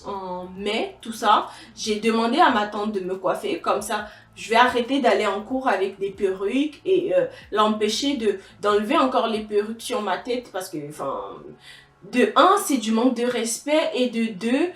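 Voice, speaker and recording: A young woman from Togo telling a personal story to camera in a casual, halting way, with many fillers and restarts. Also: on the high side, animated, fairly bright tone, distant mic. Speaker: vlogger. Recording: echoey room, voice a bit off-mic.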